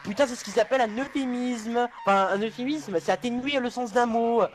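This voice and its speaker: A man's voice: extremely high pitch, a little fast. A teenage man on a computer voice chat, indignant, using lofty words in a mocking way. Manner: indignant, mock-lofty wording. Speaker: voice chat participant. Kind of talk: heated casual voice chat. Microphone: computer mic over voice chat.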